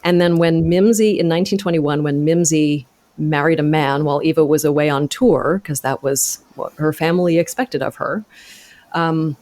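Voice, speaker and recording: Appearing as a podcast guest, an actor and author recounts research conversationally, articulate and careful with her facts. Her voice is low and a little mellow.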